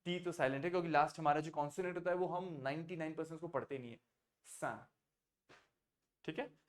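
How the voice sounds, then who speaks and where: A man teaching a French class, explaining sounds patiently and mixing Hindi with English. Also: on the high side. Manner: explains slowly, mixing Hindi and English, coaxes students to repeat. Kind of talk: online class teaching pronunciation.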